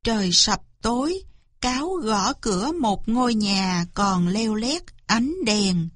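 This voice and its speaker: A woman narrating a children's story in a gentle, clear reading voice. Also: mid-range voice, animated, takes it slowly, no room sound, clean studio sound.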